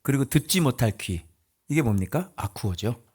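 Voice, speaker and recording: This sermon comes from a very animated male pastor with a breathy edge, talking at a moderate pace. His style is colloquial and emphatic, heavy on rhetorical questions, shifting between loud bursts and low muttering.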